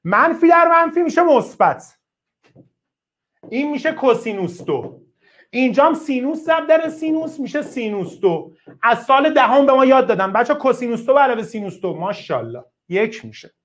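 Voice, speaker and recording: A woman lectures a math class, her voice swinging high and low with lively energy. She drives each point home by repeating it, presses students to answer quickly, and rewards them with short bursts of praise. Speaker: math teacher.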